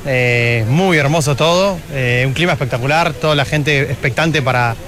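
A man's voice: mid-range voice, normal speed, a bit bright. A man from Argentina answering a street interview, with hesitant, enthusiastic remarks.

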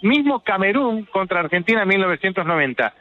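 With a voice that sits high and swings widely in pitch, a male field reporter speaks fairly quickly on a live radio report from a community center. He's fluent, descriptive and courteous to the people he interviews. The audio is phone-quality, and music plays behind him.

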